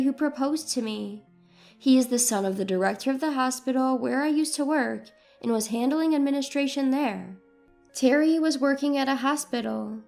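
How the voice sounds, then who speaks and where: A woman in her twenties narrating a story in the first person with a steady, even delivery. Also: high-pitched. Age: 20s.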